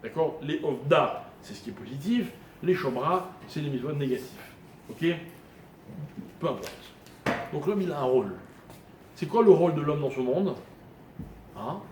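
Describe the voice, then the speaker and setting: Male rabbi giving a live lesson, slightly high-pitched, quizzing listeners; roomy echo. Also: animated, unhurried, long pauses, a little mellow. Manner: questioning listeners, explaining Hebrew grammar step by step. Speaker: rabbi teaching a Torah class. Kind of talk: live Torah lesson to a small audience. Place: room with a small live audience. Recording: echoey room recording with faint noise.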